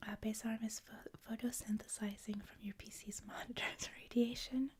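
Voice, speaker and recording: A livestream host, a woman with a Canadian accent whose native language is French, chats casually with viewers in a soft, whispery ASMR style. Her voice is a little high, with a steady tone and a moderate pace.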